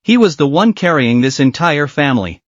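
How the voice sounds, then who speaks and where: A man's voice: a little high, very animated, moderate pace, no echo. A man narrating a manhwa recap in a dramatic storytelling style. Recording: dry, dull lo-fi voice.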